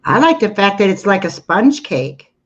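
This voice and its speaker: A woman co-hosting a home baking live stream chats in a relaxed, easygoing way. Her voice comes through a dull, lo-fi remote connection. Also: medium pitch, moderate pace. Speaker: baking show co-host. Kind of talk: casual live-stream chat.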